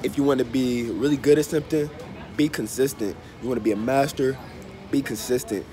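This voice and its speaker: A man in his thirties with a congested, stuffy nose, under the weather, chatting casually to his phone as a travel vlogger, unhurried and repeating phrases. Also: medium pitch, fairly even intonation, warm tone. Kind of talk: casual chat to camera. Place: open-fronted hostel bar or cafe. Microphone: phone held at arm's length. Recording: noisy open-air cafe with traffic. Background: street and vehicle ambience.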